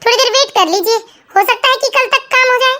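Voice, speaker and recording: A woman's voice: fast, pushed and bright. A woman doing a frightened cartoon young wife. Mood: worried. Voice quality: very high, cartoonish. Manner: fretful, pleading. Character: anxious young wife hiding a lie. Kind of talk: animated cartoon dubbing.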